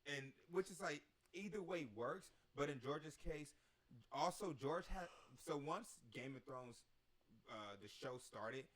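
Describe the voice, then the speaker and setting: A man's voice: a little high, animated, takes it slowly, a bit bright. A man hosting a casual podcast chat, talking in a rambling way with many restarts. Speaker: podcast host.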